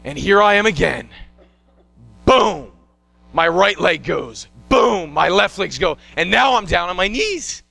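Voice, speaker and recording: A young man with a very high, bright and sharp voice performs a one-man stage show. He tells his story in an animated way, acting out the scenes and slipping into other voices. The sound is dry and close. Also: measured pace, creaky, no echo, faint music behind.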